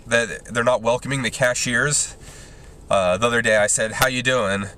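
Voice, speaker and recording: A man's voice: medium pitch, moderate pace, bright, forceful tone. A man ranting casually to camera, rambling and exasperated, with frequent restarts. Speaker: vlogger. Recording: faint background noise.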